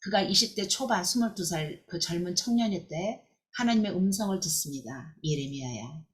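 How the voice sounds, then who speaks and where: A woman's voice: mid-range voice, fairly quick. Earnest woman teaching a Bible lecture. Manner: earnest, emphatic, frequent fillers and restarts.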